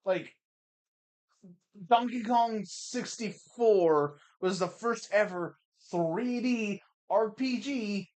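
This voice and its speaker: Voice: mid-range voice, a little mellow. A gaming streamer giving casual let's play commentary, swearing often, with sudden frustrated outbursts and chatty asides to the audience. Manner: laughs easily, chatty asides.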